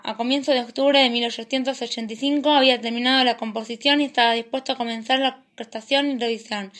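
High-voiced woman reading history narration. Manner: steady reading with a warm sign-off. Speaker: podcast host. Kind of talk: read-aloud history narration.

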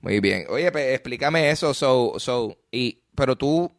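A man's voice: mid-range voice, lively intonation, a little slow, no room sound, clean studio sound. A young man with a Puerto Rican accent, hosting a podcast in a loose, profane, rambling casual chat. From Puerto Rico. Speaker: podcast host.

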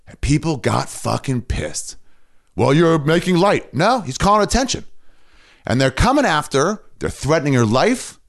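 A podcast host in full rant mode, a man cursing freely and getting worked up. His pitch swings all over as he talks, rising and dropping with real animation, and he stands in front of a mirror as he goes. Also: sing-song, moderate pace, gravelly. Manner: fired-up, swearing, ranting. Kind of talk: casual profane comedy rant.

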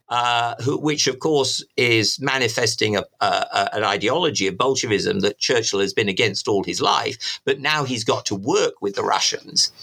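A man speaking as a historian and guest, retelling events in an animated, storytelling way. His voice is bright and forceful. He restarts phrases often as he goes. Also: mid-range voice. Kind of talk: interview answer, storytelling explanation.

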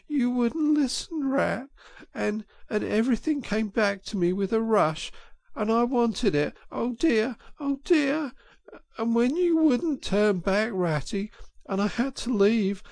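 Sobbing little mole guy, high and wobbly, gravelly edge, stammers and begs. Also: darkish tone, dry recording, exaggerated voice. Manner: broken, stammering, pleading. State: crying. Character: sobbing timid male mole, heartbroken.

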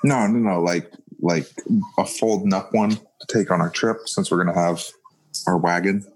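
A man's voice: deep voice, steady tone, moderate pace, darkish tone, low-quality recording. A man playing a tabletop game, talking casually with many fillers. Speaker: player.

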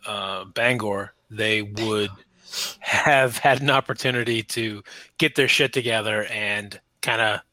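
A man co-hosting a relaxed podcast, with a bright, forward tone. He meanders and restarts as he explains. The sound is dry and close. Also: on the low side, no echo. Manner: meandering, halting, restarts his sentences. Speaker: podcast co-host. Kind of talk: casual chat.

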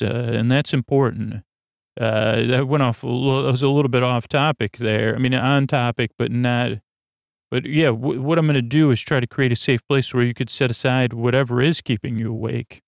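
Hosting a sleep podcast, a man drifts through a slow, creaky bedtime monologue, rambling, stumbling, and wandering into self-mocking tangents. His voice is mid-range, and the studio recording is clean and dry.

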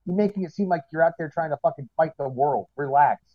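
A man's voice: fairly high pitch, quick pace, dry recording. A man co-hosting a casual podcast chat, blunt and emphatic with heavy swearing. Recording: dull, dry sound.

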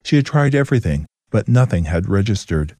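A man giving a scripted, steady story narration. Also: fairly low pitch, a little fast, no echo.

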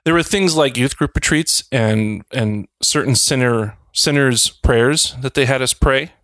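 A man's voice: mid-range voice, measured pace, fairly bright tone, no room sound. Thirties male co-host, mid-range voice, casual and self-mocking, dry close sound. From Wisconsin. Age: 30s. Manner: rambling, self-deprecating, jokey. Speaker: podcast co-host. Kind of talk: casual chat.

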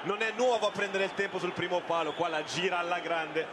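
A man's voice: sits high, a little fast. A man working as a football co-commentator, analysing the play during a match. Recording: clear background noise on broadcast.

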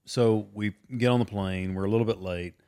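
A young man co-hosting a casual chat, telling a story in a steady, drawn-out way. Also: lowish voice, clean tone.

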